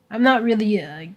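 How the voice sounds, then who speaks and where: A woman in her twenties chatting casually and thinking aloud while drawing on a stream, in a tired, low-energy, laid-back voice, into a desk mic. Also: a little mellow. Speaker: VTuber streamer. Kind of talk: casual art stream chat. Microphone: desk microphone set to surround pickup.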